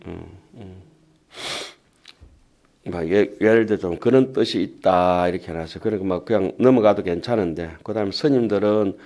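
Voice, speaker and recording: A Buddhist monk lecturer with a lowish, dark-toned voice and a Gyeongsang accent, from that region of Korea, teaches a sutra to lay Buddhists before an audience in a temple lecture hall. His reading is slow and deliberate, punctuated by quick jokes and chatty remarks to the hall.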